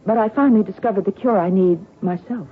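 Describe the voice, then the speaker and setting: Speaking quickly in a medium-pitched, almost everyday voice, an actress portrays a despairing, exhausted tennis champion on vintage radio. Her sardonic, weary delivery lurches into anguish at dramatic moments, heard through thin, phone-like audio over background music.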